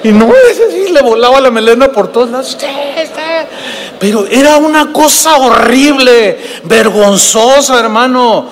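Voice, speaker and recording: Older male pastor, Mexican accent, high-pitched and emphatic sermon voice, big hall reverb. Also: a little slow. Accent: Mexican Spanish. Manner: emphatic, repeats phrases, addresses listeners as brothers. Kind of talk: sermon with storytelling. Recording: long reverb of a large hall.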